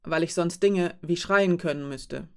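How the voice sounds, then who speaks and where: A self-doubting young woman from a storybook, read by a woman narrator. She speaks calmly and matter-of-factly, with a low-key, even delivery. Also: a little slow, smooth. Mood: earnest. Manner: calm, matter-of-fact. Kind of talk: audiobook character voice.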